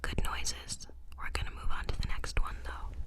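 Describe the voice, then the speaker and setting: A young woman whispering in a chatty, giggly way into a mic at home for an ASMR video. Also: moderate pace. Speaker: ASMR co-host. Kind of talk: whispered ASMR object show. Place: house, family heard downstairs. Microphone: handheld mic she keeps bumping.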